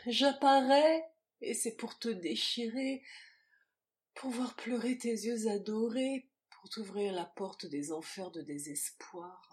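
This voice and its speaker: A woman's voice: fairly high pitch, takes it slowly. A woman reading the part of an anguished young man, a grave, despairing lover who speaks solemnly and then rises into impassioned outbursts.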